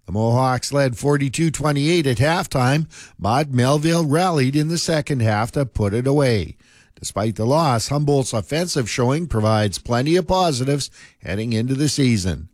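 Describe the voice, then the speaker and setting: A man reads local news and sports in a steady, measured way. His voice sits at an ordinary pitch. The recording is dry and close, with no room sound. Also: no echo. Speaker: news anchor. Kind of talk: scripted news reading.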